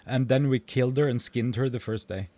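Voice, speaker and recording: A man's voice: medium pitch, brisk, mellow, a little hiss or hum. A young man from Norway, hosting a podcast interview and asking questions hesitantly with many fillers.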